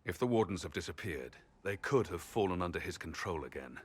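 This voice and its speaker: Deep-voiced weary, resolute champion. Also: male voice, expressive, a little fast, slightly rough. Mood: grave. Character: weary, resolute male champion burdened by duty. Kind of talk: dramatic video game cutscene acting.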